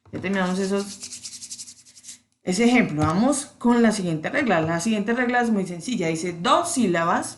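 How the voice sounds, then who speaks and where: A woman teaching an English grammar lesson, patiently checking in with her students and slowing down to spell out the examples. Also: medium pitch. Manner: patient, checks in with "¿cierto?" often.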